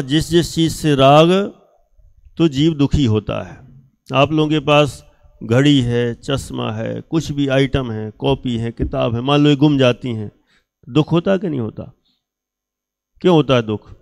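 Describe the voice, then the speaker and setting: Slow, gravelly-voiced male teacher. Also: fairly high pitch. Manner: slow, emphatic, asks students questions; acts out quoted speech of others. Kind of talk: classroom lesson to students.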